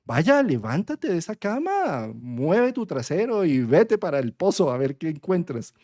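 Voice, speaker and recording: A man's voice: on the high side, sing-song, a little slow, mellow. A man voicing a bossy stepmother who scolds and exclaims at her daughters. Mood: scolding. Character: bossy scolding stepmother, middle-aged woman.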